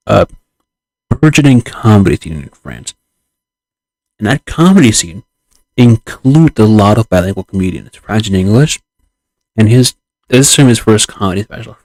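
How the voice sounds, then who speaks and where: Brief: male streamer, low voice, very slow, laid-back explanations. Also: darkish tone, no room sound, low-quality recording. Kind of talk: casual chat.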